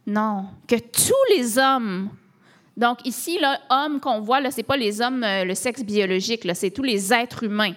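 A woman's voice: fairly high pitch, animated, a little slow, fairly bright tone. A woman from Canada with a Québécois French accent, a pastor preaching a sermon in a conversational way, with rhetorical questions and tags like "hein".

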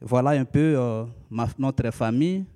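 With a warm, clean, medium-pitched voice, a man in his thirties from the DR Congo preaches a sermon as a pastor. A native Lika speaker, he teaches at a measured pace and hesitates frequently.

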